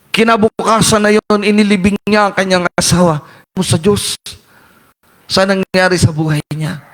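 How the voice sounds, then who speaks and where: A male preacher telling a story in his sermon, turning to his listeners again and again and rising to shouts at the key moments. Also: high voice. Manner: dramatic, keeps addressing the congregation as beloved, climbs to shouts at peaks.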